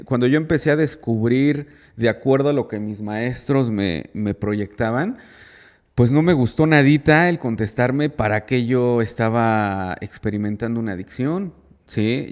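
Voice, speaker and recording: A man gives an informal talk as a psychologist, at a mid-range pitch. He keeps restarting phrases and stressing his point with rising rhetorical questions, checking in with his listeners as he goes. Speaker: psychologist giving a radio talk. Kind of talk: informal lecture to a recovery group.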